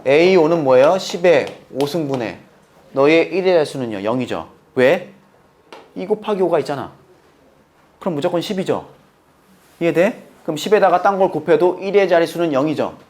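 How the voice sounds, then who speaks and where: A man teaching math, walking through the steps and constantly quizzing his students with quick questions. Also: fairly high pitch, animated, a little mellow. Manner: playful, talking to himself. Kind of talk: lecture.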